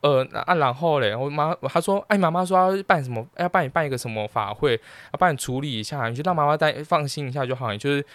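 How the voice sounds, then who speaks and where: A man's voice: fairly high pitch, quick pace, few pauses, fairly bright tone, dry recording. A man with a Taiwanese Mandarin accent telling a personal story as a guest in a casual chat, acting out the voices of the people he quotes.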